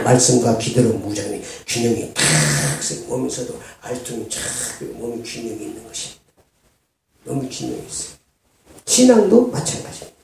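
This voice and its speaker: A male pastor delivers an emphatic sermon full of rhetorical questions and calls for amen. His pitch leaps and falls with lively energy, and a gravelly edge runs under his voice. He sounds far from the mic in a very echoey church hall with faint background noise. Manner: emphatic preaching with call-and-response and rhetorical questions. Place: church sanctuary.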